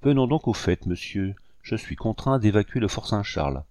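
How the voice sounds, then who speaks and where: A proud rebel commander , put on by a man reading aloud, speaks with haughty, barely held-back menace. The voice is dark and low. The recording is dry and close. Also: big pitch swings, moderate pace, no echo. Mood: stern. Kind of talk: audiobook character reading.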